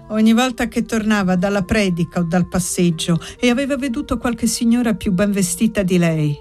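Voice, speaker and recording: A woman narrating a literary audiobook in a measured, unhurried way, with long pauses. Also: mid-range voice, darkish tone. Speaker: audiobook reader.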